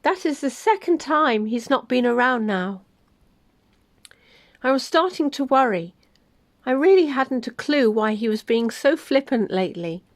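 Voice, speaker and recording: Woman gently reading her story. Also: high voice, lively intonation, unhurried. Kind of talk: first-person story reading.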